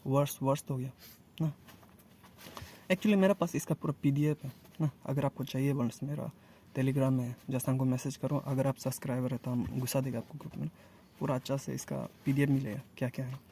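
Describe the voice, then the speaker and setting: A man teaching a casual grammar lesson, asking and answering his own questions and repeating words slowly. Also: mid-range voice, fairly even intonation, warm tone, a little hiss or hum.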